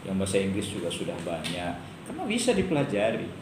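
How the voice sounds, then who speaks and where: A man's voice: low voice, wildly swooping pitch, fast talker. A middle-aged man giving a casual university lecture, joking often and asking rhetorical questions. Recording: roomy hall with faint background noise.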